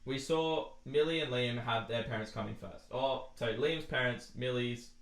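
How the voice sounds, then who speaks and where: A man's voice: mid-range voice, moderate pace. A young man co-hosting a casual podcast chat, joking, laughing and slipping into mocking put-on voices. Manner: jokey, breaks into laughter, mimics people in loud put-on voices. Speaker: podcast co-host. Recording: roomy echo.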